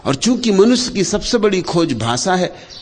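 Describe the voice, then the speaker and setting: A man giving a spiritual discourse in short, deliberate phrases, pausing often and letting his voice sink low and soft at the end of each thought. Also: big pitch swings, slight background noise. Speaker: spiritual speaker.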